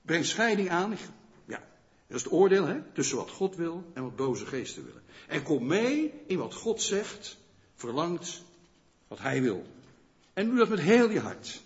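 A man preaching a sermon in a conversational way, often asking the congregation questions and checking in with a quick "yes?". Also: on the high side, big pitch swings. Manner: rhetorical questions to the listeners. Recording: long church reverb, dull lo-fi sound.

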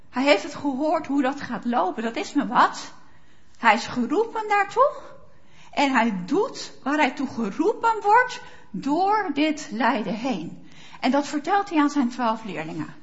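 High, lively woman preaching slowly. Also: muffled recording. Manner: emphatic, asks rhetorical questions. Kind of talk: sermon with Bible reading.

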